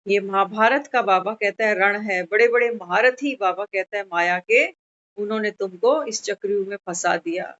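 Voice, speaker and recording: A woman's voice: normal speed, fairly bright tone. A woman giving a devotional sermon, telling a parable and acting out the voices of a parent and a child. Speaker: spiritual speaker. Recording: dull, muffled low-fidelity recording.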